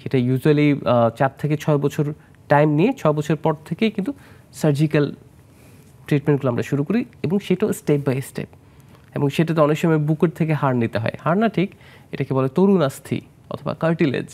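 A man's voice: a little high, moderate pace, a little mellow. A plastic surgeon from Bangladesh, a man, explaining treatments as a guest in a studio health interview, mixing in English medical terms. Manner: explanatory, mixes English medical terms, asks host questions.

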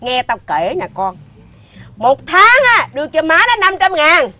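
A woman with a Southern Vietnamese accent playing a shrill, nagging foster mother who scolds a lazy boy and often shouts. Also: sing-song, unhurried, heavily acted. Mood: lecturing. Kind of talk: comedy sketch acting.

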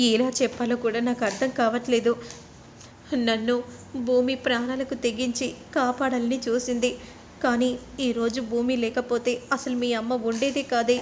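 A woman's voice: fairly high pitch, level tone, moderate pace, slight background noise, lightly acted. A woman voicing a worried, distressed mother who speaks anxiously, in a serial recap.

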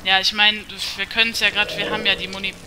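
A woman's voice: mid-range voice, level tone, quick pace, pushed and bright. A woman giving casual commentary while playing a video game. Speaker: let's play gamer. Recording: clear game noise behind voice. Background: video game sounds.

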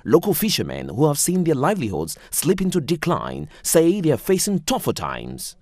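A man narrating a scripted news report, measured and even. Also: no echo, clean studio sound. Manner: measured reading with wide pitch swings.

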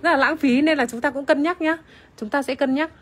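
A woman's voice: high voice, fairly even intonation, fairly quick. Chatty woman presenting wine on a livestream. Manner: chatty, many fillers, greets viewers by name. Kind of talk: casual livestream product demo. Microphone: phone camera, iPhone.

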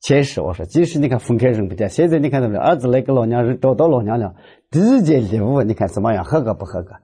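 A man tells a story at a Buddhist talk, acting out its dialogue. His pitch swings widely, and his voice is mellow and husky. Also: quick pace. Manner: animated, acts out dialogue. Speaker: lay Buddhist speaker.

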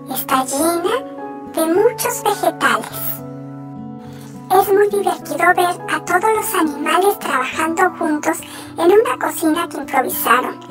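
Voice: extremely high pitch, far from the mic. A narrator reading scripted bedtime stories for young children. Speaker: children's story channel narrator. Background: music.

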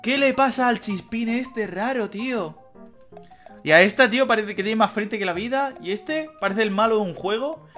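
High, bright young man gaming. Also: expressive, normal speed. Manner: joking, swears casually, reads game text aloud. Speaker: gaming YouTuber. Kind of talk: let's play commentary. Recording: faint game music behind.

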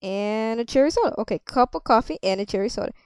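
A woman role-playing a cafe server in a game, chatting with customers and thinking out loud with lots of ums. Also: fairly high pitch, expressive, quick pace, slight background noise. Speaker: player running a cafe. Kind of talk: casual game role-play.

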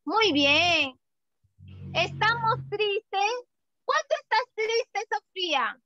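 A woman's voice: very high-pitched, animated, very slow, sharp tone, dry recording, dull audio. A woman teaching an online class to small children, in an exaggerated, affectionate sing-song manner. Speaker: preschool teacher.

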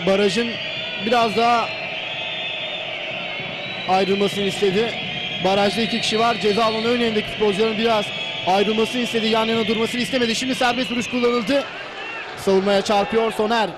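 A man's voice: sits high, fairly even intonation, fairly quick, long pauses. A man giving live play-by-play football commentary. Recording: noisy stadium broadcast with loud crowd. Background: loud crowd and stadium noise.

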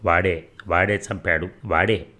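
Man reading blind old beggar, frightened, pleading, audiobook, very deep voice. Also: fairly even intonation, a little slow, pushed and bright, full character voice. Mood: anxious.

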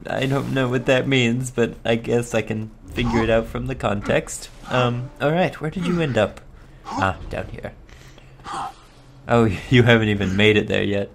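A man's voice: mid-range voice, fairly even intonation, normal speed, vocal fry, a little hiss or hum. A man giving casual, sweary gameplay commentary, chuckling and talking to himself as he plays. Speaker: let's play gamer.

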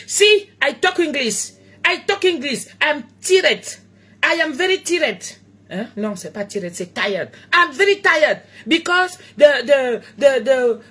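A tired woman chatting live to her followers, animated, jumping between loud exclamations and low murmurs and joking in broken English. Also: slight background noise. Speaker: food seller live-streaming on social media. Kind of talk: casual live chat to followers.

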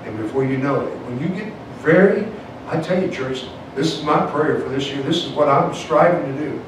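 Man, pastor, call-and-response sermon, soft lows and shouted highs, far from mic, faint background noise. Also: moderate pace. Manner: call-and-response, punctuates lines with "amen" and "come on, church"; swings from soft and low to shouted and high. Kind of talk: evangelical sermon. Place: church sanctuary, indoors. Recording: echoey church sound from far off, faint noise.

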